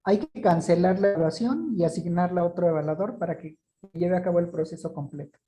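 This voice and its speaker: A woman with a very dark, mellow voice explains procedures in a formal, measured way. She answers questions patiently in an online meeting. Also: lowish voice, rough recording. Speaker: certification body representative.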